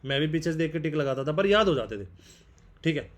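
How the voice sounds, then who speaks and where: A young man rattles off exam advice at a quick clip in a slightly high voice. He talks casually and like a big brother, hammering the same points again and again. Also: expressive. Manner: brotherly, repeats points, says bhai often. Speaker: exam prep vlogger.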